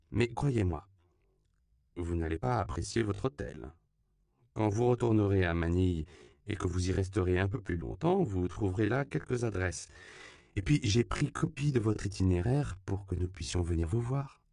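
A man's voice: sits low, creaky, a little mellow, dry recording, studio quality. A man voicing a bossy, impatient middle-aged mother who scolds and gives orders. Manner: scolding, commanding.

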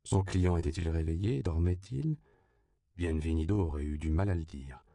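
A man reading an audiobook in even, measured scripted narration. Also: sits low.

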